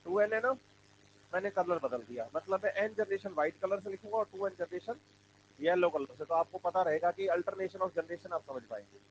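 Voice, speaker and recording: Man, high voice, biology teacher, call-and-response drilling, slightly dull recording with faint hum. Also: normal speed. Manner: drills students with repeated questions and answers. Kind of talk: classroom lecture with call-and-response. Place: classroom.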